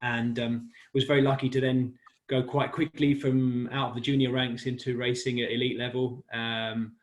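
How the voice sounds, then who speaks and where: With a medium-pitched voice, a level tone and a moderate pace, a man from West London, England, looks back on his life in sport as an interview guest. In his forties and a cycling commentator by trade, he's chatty, pokes fun at himself and laughs readily.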